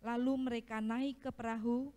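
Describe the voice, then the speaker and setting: A woman reading scripture aloud in a steady, measured way during a church service. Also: a little high. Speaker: scripture reader. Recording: long reverb of a church hall.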